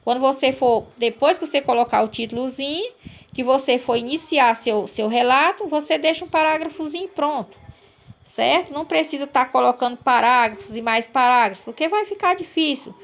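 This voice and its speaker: A woman's voice: high voice, fairly quick. A woman teacher giving a recorded lesson to young pupils, explaining step by step and checking in with "right?" as she goes. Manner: patient, explains step by step, asks "certo?" and "né?" to check.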